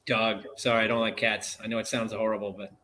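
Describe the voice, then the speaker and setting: Bright-voiced, sarcastic middle-aged man. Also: fairly low pitch, level tone, fast. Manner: plainspoken, sarcastic, laughs at himself. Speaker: guest. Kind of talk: casual interview answers.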